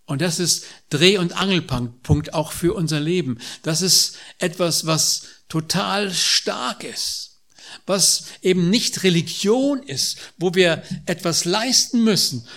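Older man preaching with emphatic swings. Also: on the high side. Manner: swings from loud emphatic lines to soft dropped endings; repeats key phrases for emphasis. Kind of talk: sermon.

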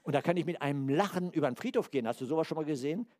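A man in his seventies preaching a sermon in a lively way, acting out quotes and dropping into quiet asides. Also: on the high side, racing. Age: 70s.

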